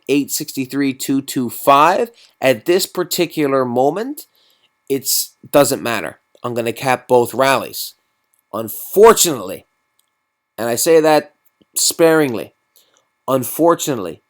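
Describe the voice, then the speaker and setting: Loose, swearing man talking through a game. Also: mid-range voice. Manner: loose, profane, rambling. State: tipsy after drinking. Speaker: mobile game channel host. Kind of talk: casual gameplay commentary.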